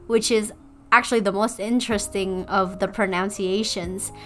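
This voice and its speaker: A woman's voice: medium pitch, bright, forceful tone. A young woman from Indonesia, chatting casually in a voice-over about her drawing process, with playful self-deprecating asides. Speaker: artist and video creator.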